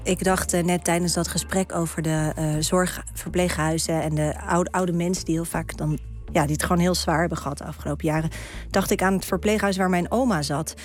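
Woman poet, lowish voice, measured poetry reading, radio studio mic. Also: steady tone, faint music behind. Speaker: guest poet. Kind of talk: reading her own poem aloud on radio. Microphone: studio microphone.

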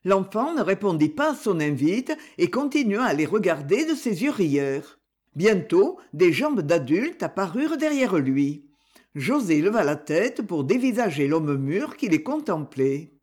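A woman narrating a novel in a measured, expressive reading. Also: fairly low pitch, breathy edge. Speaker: audiobook narrator. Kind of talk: scripted narration.

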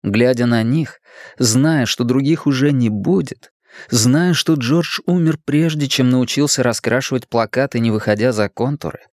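A man reading a novel aloud as a narrator in a steady, measured voice. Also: mid-range voice, dry recording, clean studio sound. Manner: reads character lines in raised, stammering voices. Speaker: audiobook narrator. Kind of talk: scripted narration.

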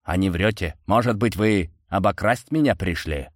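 A grumbling underground dwarf miner, brash and greedy for sweets, voiced by a male audiobook reader. His voice sits low and drags slowly through every line. The sound is close and dry, with no room around it. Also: no echo, close to an everyday voice. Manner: gruff, grumbling, drawn-out slow speech. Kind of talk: audiobook character voice.

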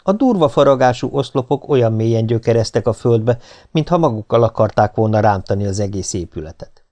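A man narrating an adventure novel in the first person as an audiobook, in a steady, measured reading. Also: on the low side.

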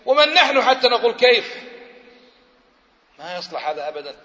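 A man's voice: extremely high pitch, very animated, brisk, sharp tone. A man giving a religious lecture, emphatic, often asking the audience questions and answering them himself. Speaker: Islamic preacher. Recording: muffled lecture hall recording with long reverb.

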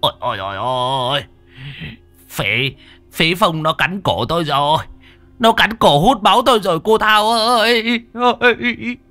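A man's voice: low voice, animated, slow, pauses often, sharp tone, dry recording, soft background music, heavily acted. A man voicing a panicked middle-aged male exorcist who wails and whimpers in terror. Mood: terrified wailing. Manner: wailing, whimpering cries.

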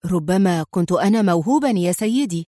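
A woman reading a calm, sarcastic male businessman under questioning, in an audiobook. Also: high voice, a little fast, dry recording, studio quality, close to an everyday voice. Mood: calm mocking. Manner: calm, mocking.

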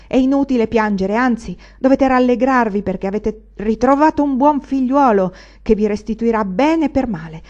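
Woman voicing a furious shouting young man. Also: on the high side, dull audio, close to an everyday voice. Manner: shouting, hammering repetitions.

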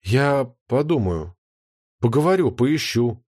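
Man doing a calm, practical dragon-clan woman. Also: mid-range voice, takes it slowly. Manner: calm, practical, dryly wry.

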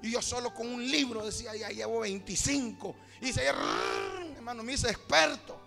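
A man's voice: extremely high pitch, moderate pace, gravelly. A man from Honduras, preaching a folksy storytelling sermon and calling his listeners brother, with music playing underneath. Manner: folksy, keeps addressing the congregation as brother; builds to shouted praise at the end. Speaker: pastor.

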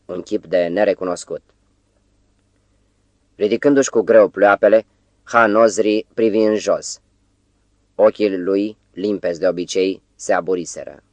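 A man reading a novel aloud as an audiobook narrator, in a measured, even-paced way. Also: sits low, no echo. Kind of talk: scripted literary narration.

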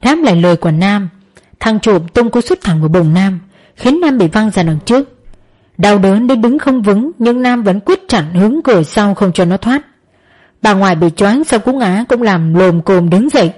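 A woman's voice: medium pitch, lively intonation, moderate pace, darkish tone. A woman narrating a dramatic story in an emotive, tense storytelling manner.

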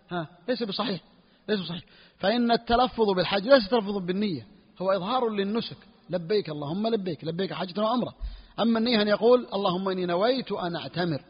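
Fast, husky sheikh teaching jurisprudence. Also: male voice, high voice. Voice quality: husky, clears throat often. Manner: repeats phrases, asks students "clear or not?". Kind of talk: classroom lesson explaining a fiqh text. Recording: dull recording with long hall reverb.

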